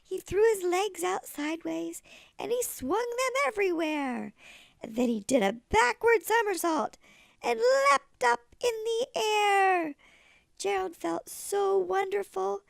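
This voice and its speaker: A woman's voice: extremely high pitch, animated, a little slow, gravelly, dry recording, studio quality. A woman reading a children's storybook aloud in the manner of a sweet old lady. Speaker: storybook reader.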